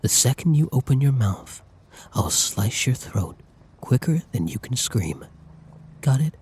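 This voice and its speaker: A man fully inhabits the character voice of a masked villain in an intimate ASMR audio drama, very animated at medium pitch. Dark, breathy and often almost whispering, he speaks very slowly, taunting and commanding his hostage with menacing, flirty condescension.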